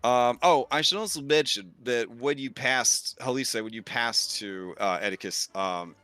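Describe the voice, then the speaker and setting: A man's voice: mid-range voice, a little slow, bright, forceful tone, no room sound, faint music behind. A man as game master, casually narrating a tabletop role-playing game and calling for rolls.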